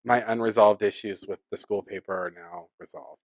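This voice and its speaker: A man co-hosting a casual podcast chat at home, animated and teasing, laughing often. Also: lowish voice, normal speed, creaky, no room sound. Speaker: podcast co-host. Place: home with pets.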